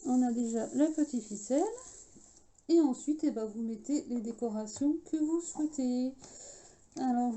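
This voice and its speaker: A woman's voice: sits high, dark tone, rough recording. A woman hosting a casual craft tutorial in French with a slight English accent, talking chattily with many hesitations. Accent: English-tinged French.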